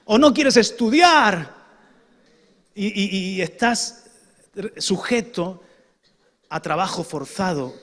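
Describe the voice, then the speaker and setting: A man from preaching a sermon as pastor, shifting between loud emphasis and soft asides. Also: high-pitched, big-room sound.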